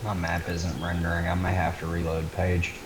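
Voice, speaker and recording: A man's voice: low voice, normal speed. A man taking part as a player in a tabletop game, speaking plainly and without hurry. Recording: echoey room with steady background noise.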